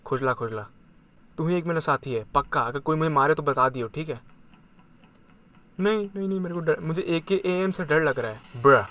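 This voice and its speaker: A young man giving chatty, excitable commentary on his game, mixing Hindi and English. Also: a little high, moderate pace. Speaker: gamer. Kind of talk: casual gaming commentary.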